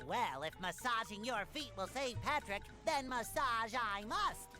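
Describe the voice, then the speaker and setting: Cheerful cartoon sea sponge, high, nasal, bouncy, for a video game, with game music clearly behind. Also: male voice, expressive, a little slow. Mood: earnest. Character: cheerful eager young male sea sponge. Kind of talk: video game character lines.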